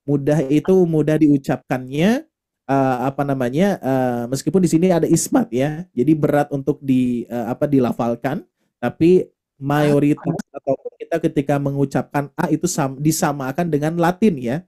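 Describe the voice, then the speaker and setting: A man's voice: fairly high pitch, moderate pace, dark tone. Patient man teaching recitation. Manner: explains patiently, demonstrates letter sounds, frequent "ya" and fillers. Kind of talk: online class teaching.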